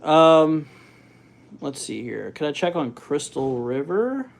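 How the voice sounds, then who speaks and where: Creaky-voiced man hosting a casual weather livestream. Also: a little high, expressive, a little hiss or hum. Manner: informal, halting, thinking aloud while looking things up. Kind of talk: casual live weather commentary, reading out figures and answering viewers.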